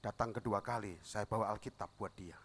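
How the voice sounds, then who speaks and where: A middle-aged man preaching a sermon as pastor, telling stories and acting out the dialogue, with shouted peaks. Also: lowish voice, brisk, breathy edge. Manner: animated storytelling, acts out dialogue, shouts at climaxes.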